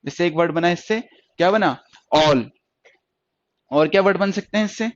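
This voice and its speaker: A man's voice: sits high, fast talker, dry recording. A man teaching stenography in a lecture, who stretches out long vowel sounds for his students and keeps checking that they follow. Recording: dry, dull lo-fi recording.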